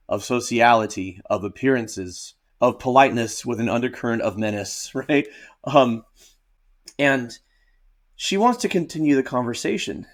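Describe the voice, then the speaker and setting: Man explaining, medium-pitched voice. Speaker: therapist commentator. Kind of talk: analytical commentary on a TV scene.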